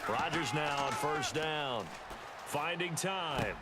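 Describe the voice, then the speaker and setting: American football announcer over loud noise. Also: male voice, on the high side, animated, slow pace. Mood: excited. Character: male TV football play-by-play announcer in video game. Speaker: play-by-play announcer. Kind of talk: American football game commentary. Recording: loud game noise behind voice.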